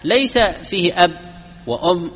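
A man giving a classical Arabic grammar lesson, explaining rules step by step, asking his students questions and chanting verses slowly. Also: sits high, lively intonation, fairly bright tone. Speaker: grammar teacher. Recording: long hall reverb.

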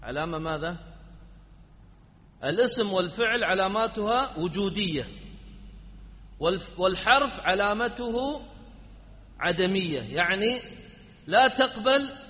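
A man's voice: high-pitched, animated, unhurried, long pauses, pushed and bright. A man teaching an Arabic grammar class, quizzing his students and prompting them with repeated questions. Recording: dull lo-fi sound in a reverberant hall.

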